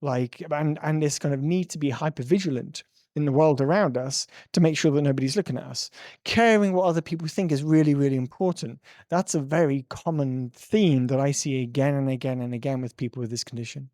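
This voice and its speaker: A male tic coach gives an earnest, ranting, rambling monologue of casual commentary, often breaking into laughs. His voice is medium-pitched, brisk and dark, recorded in clean studio sound with no echo.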